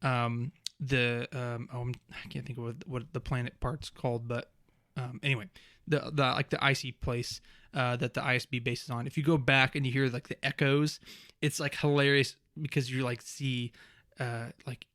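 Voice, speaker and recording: A podcast co-host rambles in casual chat, full of fillers and restarts. His medium-pitched, slightly bright voice has little pitch movement and a moderate pace, captured in clean studio sound with no room sound.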